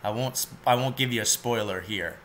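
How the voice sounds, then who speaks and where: A man in his forties sits in a cluttered room at home, narrating a children's story aloud. His mid-range voice moves a little fast and has a fairly bright tone.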